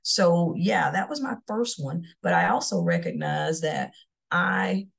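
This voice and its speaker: A woman's voice: on the low side, a little slow, gravelly, slightly rough. A middle-aged woman from Florida, telling her career story with confidence in a podcast interview. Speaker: guest, CEO.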